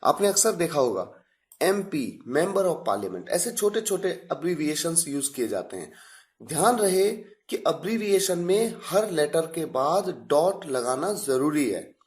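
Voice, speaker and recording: A man with an Indian accent teaching a slow explanatory English lesson, spelling out examples slowly. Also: fairly high pitch, big pitch swings.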